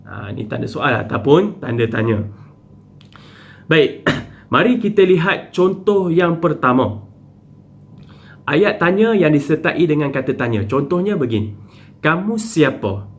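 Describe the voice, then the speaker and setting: A man teaches a primary school lesson, patiently explaining step by step with lots of repetition and frequent "okey" and "ha" fillers. His voice is on the high side and animated, moving at a measured pace with many pauses.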